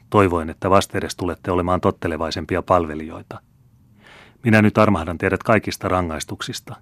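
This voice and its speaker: A man voicing a proud seventeen-year-old count who speaks in a haughty, measured, lordly way. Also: low-pitched, no echo, natural voice.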